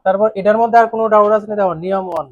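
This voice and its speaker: High-voiced male teacher, questioning. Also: steady tone, rapid-fire, no echo. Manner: questioning, repetitive, coaxing students. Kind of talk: classroom grammar lesson. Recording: dull dry classroom recording.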